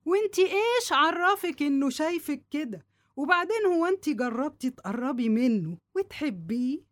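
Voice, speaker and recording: A woman's voice: sits high, sing-song, normal speed, no echo, studio quality. A woman with an Egyptian accent playing a domineering, greedy middle-aged aunt in a drama, nagging and scolding in colloquial speech. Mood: nagging, menacing. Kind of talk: dramatic dialogue.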